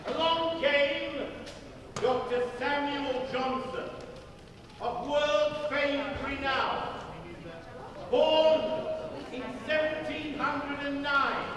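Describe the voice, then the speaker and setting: A man delivering a town crier's proclamation in a loud, formal, declamatory public cry with measured phrases. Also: very high-pitched. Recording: echoey reverberant distant recording, crowd behind.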